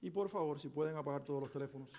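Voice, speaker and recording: A man's voice: a little high, racing, a little mellow. A middle-aged male pastor preaching a sermon, earnest and exhorting, with many rhetorical questions. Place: church sanctuary. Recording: echoey church hall.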